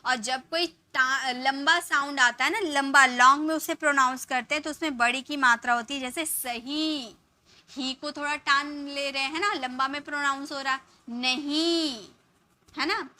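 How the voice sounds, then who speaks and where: A woman's voice: high-pitched, steady tone, moderate pace, few pauses, pushed and bright, no echo. A woman teacher giving a patient spoken lesson, spelling out each letter and sound one at a time. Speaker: English teacher.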